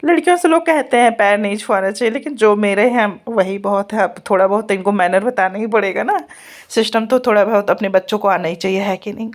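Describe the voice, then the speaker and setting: With a medium-pitched voice and a brisk delivery, this woman in her thirties vlogs from home, chatting casually and laughing a lot while she readies her children.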